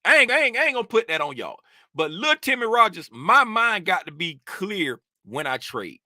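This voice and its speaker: Trading host, male, rowdy ranter, bright high voice. Dry, close sound. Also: moderate pace, no room sound. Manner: animated, rowdy, ranting. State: worked up and sweating. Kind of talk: casual rant to viewers.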